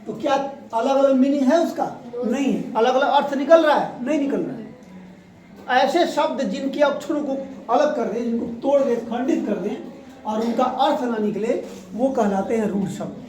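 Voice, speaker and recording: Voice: mid-range voice, a little mellow, a little hiss or hum. A teacher leading a grammar revision lesson, asking the class questions and repeating the key answers. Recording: echoey room, voice from far off.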